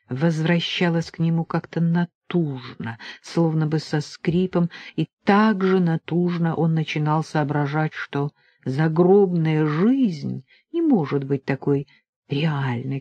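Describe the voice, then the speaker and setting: A woman reads an audiobook with calm, measured narration in a fairly low voice. She takes her time over every phrase, and the recording is dry and slightly dull. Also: husky, dry recording. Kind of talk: scripted narration.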